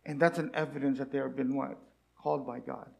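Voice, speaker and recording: A man's voice: mid-range voice, little pitch movement, brisk, vocal fry, a little mellow. A man preaching a sermon, earnest and pleading, often asking his listeners rhetorical questions.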